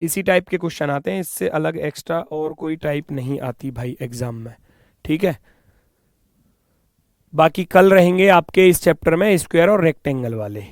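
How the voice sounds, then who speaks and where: A man teaching reasoning in an online exam-prep class, brisk and coaxing, sometimes scolding students playfully, speaking English with an Indian accent. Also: fairly high pitch, lively intonation, no room sound, studio quality.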